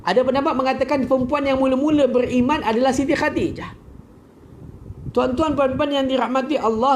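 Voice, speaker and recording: A man's voice: high voice, a little hiss or hum. A middle-aged man with a Malaysian Malay accent gives an earnest religious lecture, as a religious teacher and pilgrimage guide, sprinkled with pious exclamations.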